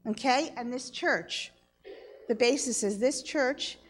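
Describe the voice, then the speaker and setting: A woman's voice: fairly high pitch, takes it slowly. A woman talking informally to children like a Sunday school teacher, prompting them with simple questions. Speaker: children's message leader in church.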